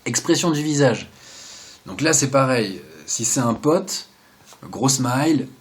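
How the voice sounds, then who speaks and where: A young man giving a casual, joking video lesson, explaining step by step and often trailing off into quiet asides. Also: medium pitch, lively intonation, slow pace. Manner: chatty, joking asides, drops to quiet mumbles. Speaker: video host teaching sign basics.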